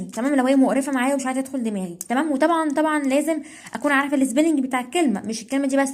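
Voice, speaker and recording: A young woman with an Egyptian Arabic accent giving casual study tips as a tutor while writing, checking in with "okay?" constantly and correcting herself as she goes. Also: high-pitched.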